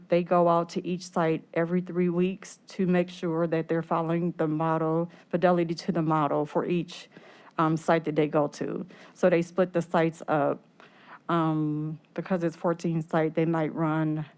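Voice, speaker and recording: Woman presenter, low and clear, speaking through a face mask, slightly breathless, explaining haltingly in a formal meeting. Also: little pitch movement, darkish tone. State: short of breath behind the mask. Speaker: program staff presenter at a committee meeting. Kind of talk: explanatory answers at a public meeting.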